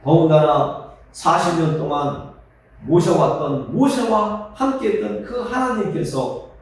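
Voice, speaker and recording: Male pastor, earnest sermon, high animated delivery; distant mic, heavy church echo. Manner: earnest, repeats key phrases, voices comforting words. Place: church sanctuary.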